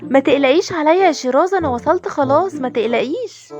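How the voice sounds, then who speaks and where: Give me a woman doing a nervous, caring Egyptian mother in a toy story, pitched high, over children's music. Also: fast talker, highs cut off. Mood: relieved. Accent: Egyptian Arabic. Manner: animated, fretful storytelling with toy figures. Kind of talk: toy play-acting for kids.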